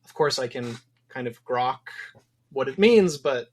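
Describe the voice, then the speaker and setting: With an expressive, darkish mid-range voice and a measured pace, a game developer from Wisconsin chats as a podcast guest in a casual interview. His speech is thoughtful and rambling, heavy on ums.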